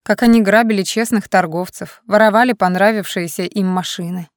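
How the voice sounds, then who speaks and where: A woman's voice: medium pitch, fairly even intonation, brisk, no room sound, natural voice. Earnest young female journalist, read by a woman narrator, questioning tone, dry recording.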